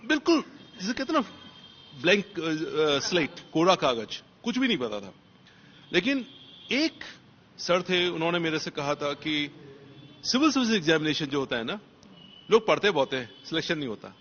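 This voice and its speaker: A man's voice: on the high side, big pitch swings, moderate pace, long pauses, fairly bright tone, dull audio, slight background noise. A man, a police officer, answering interview questions in an emphatic motivational way and repeating key phrases for stress.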